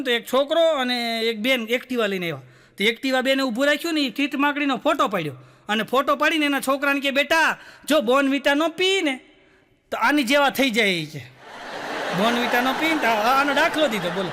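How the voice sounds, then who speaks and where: Comedian guy, real high voice, tells jokes and acts out the lines. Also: pushed and bright. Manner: storytelling with quick voiced dialogue, "બોલો" tags. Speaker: stand-up comedian. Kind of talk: stand-up joke telling.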